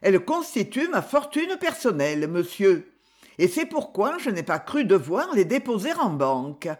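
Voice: mid-range voice, big pitch swings, normal speed. A reader voicing a scheming, triumphant middle-aged mother in an audiobook, in a raised, emphatic voice. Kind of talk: audiobook character voice.

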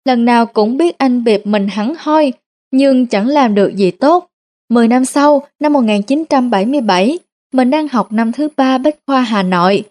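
A woman reading a first-person story aloud in a steady, plain narrating tone. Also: a little high, moderate pace.

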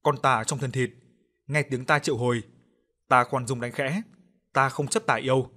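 A man's voice: mid-range voice, steady tone, normal speed, bright, forceful tone, natural voice. A man voicing a stern old village exorcist who chants commands in a storytelling. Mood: chanting.

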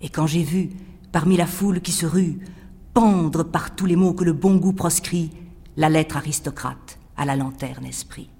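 A man recites verse in a theatrical, declamatory manner, his fairly high voice dropping to hushed whispers and rising to ringing cries. His voice trails off into a long reverberant hall tail. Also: a little slow, creaky.

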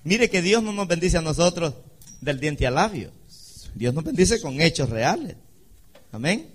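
A man preaching a sermon as a pastor, emphatic and rising loud when he quotes scripture. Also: a little high, big pitch swings, measured pace, husky.

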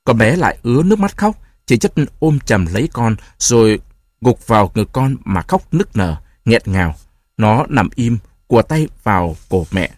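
Guy reading an audiobook, animated delivery, dry close mic. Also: mid-range voice, moderate pace, no room sound. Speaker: audiobook narrator. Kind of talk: audiobook narration.

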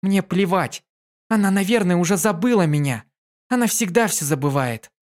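A man voicing a tiny pony filly, high and shrill, tearful, storybook. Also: animated, moderate pace. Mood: sulky. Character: small unicorn filly, hurt and angry.

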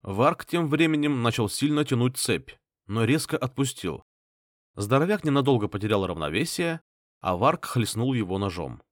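In a lively, expressive way, a man narrates a first-person audiobook in a mid-range voice at normal speed. The recording is dry and studio quality.

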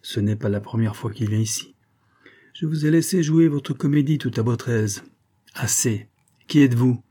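A man voicing a furious, quick-tempered middle-aged gentleman who shouts and seethes in a storybook reading. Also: medium pitch, natural voice.

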